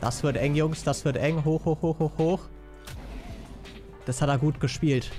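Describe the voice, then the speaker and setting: A man giving excited, slangy live commentary on his own gameplay, swearing often. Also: fairly high pitch, unhurried, faint music behind. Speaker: gaming YouTuber. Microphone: studio mic.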